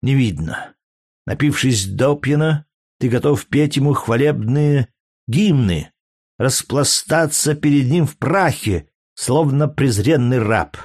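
A man's voice: medium pitch, slow, a little mellow, no echo, studio quality, voice pushed up. A man reading aloud and voicing a jealous, scornful young Greek courtesan with a biting, mocking manner.

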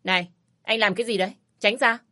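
A woman voicing a fiery, fed-up divorced young mother who talks sharp and scornful and shouts in anger in a storybook reading. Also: mid-range voice, steady tone, brisk, close to an everyday voice. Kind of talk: storybook narration.

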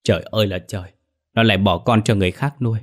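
A man's voice: on the low side, fast, lightly acted. A man voicing a grieving old grandmother who cries out and laments. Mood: grieving, wailing. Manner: wailing, lamenting.

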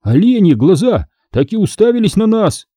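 A man's voice: sits high, very animated, normal speed, dark tone, breathy edge, no echo, studio quality, voice pushed up, full character voice. A man voicing a clowning, goofy teenage boy in an audiobook, whining and playful. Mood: eerie. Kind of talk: audiobook character voice.

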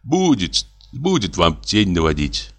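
A man's voice: low-pitched, huge pitch swings, a little slow, exaggerated voice. Jovial fussy old postmaster, hearty and familiar, a male reader putting him on.

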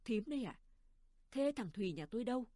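A woman's voice: fairly high pitch, very animated, brisk, mellow, no room sound, studio quality. A woman doing a weary old village mother. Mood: tired, dismissive.

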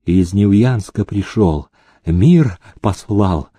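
A man's voice: lowish voice, takes it slowly, warm tone, husky, no room sound, studio quality, pitched below the performer's own voice. A male reader voicing a humble, sturdy young peasant miner who pleads with his master, in a storybook reading.

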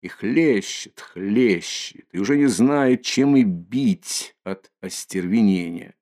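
Gravelly-voiced male audiobook narrator. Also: on the low side, animated, slow, darkish tone. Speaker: audiobook reader. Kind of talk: audiobook narration of a classic novel.

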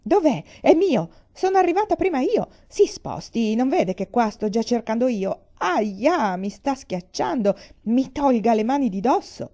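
A woman doing a pushy shrill shopper. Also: big pitch swings, unhurried, few pauses, exaggerated voice. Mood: demanding. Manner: loud, demanding and indignant. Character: pushy, grabbing woman shopper hunting treasure.

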